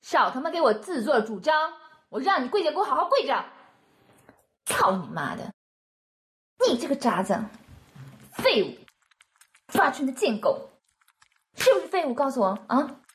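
A high, lively female voice that climbs and dips as she mocks. A woman acts out a scornful dominatrix who curses freely and hammers the same question over and over. The delivery stays harsh and contemptuous throughout this adult role-play. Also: normal speed, pauses often. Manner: harsh, taunting, swears a lot, repeats questions. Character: cruel scornful dominatrix woman, foul-mouthed, mocking.

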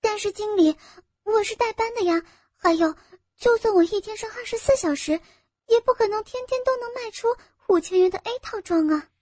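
Young saleswoman, high-pitched and pleading, voiced by a woman narrator; anxious, protesting delivery. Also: normal speed, a little mellow, dry recording, studio quality. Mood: indignant.

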